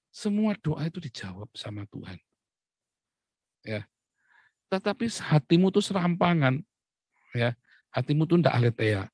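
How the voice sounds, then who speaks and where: A man preaching a casual sermon, lively and chatty, with many rhetorical questions and short chuckles. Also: mid-range voice, no echo. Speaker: pastor.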